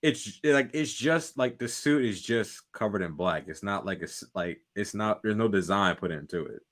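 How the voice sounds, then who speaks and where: A man co-hosts a casual podcast, chatting with lots of filler words and frequent laughter. His voice is bright and forward, and his pitch moves around a lot as he talks. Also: normal speed. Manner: animated, laughs often, many "like" fillers. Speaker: podcast co-host. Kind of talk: casual chat.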